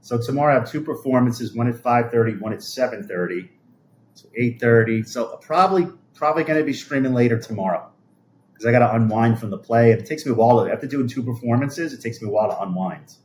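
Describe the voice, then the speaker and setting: Talking fast in a medium-pitched, slightly mellow voice, a 50-something man from New York City chats on his livestream and responds to viewer comments. His loose, rambling talk often trails off, and there's slight background noise.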